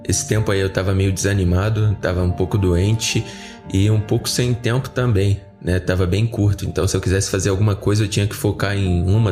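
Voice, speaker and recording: A Brazilian podcast host with a low-pitched, darkish voice, made slightly off by the flu, rambles informally as he chats casually with his listeners.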